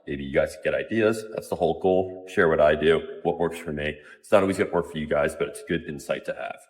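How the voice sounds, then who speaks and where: With an extremely low voice and background noise around him, a young college-age fitness vlogger chats casually to the camera. He's a bit winded on a treadmill, rambling laid-back with plenty of ums and likes.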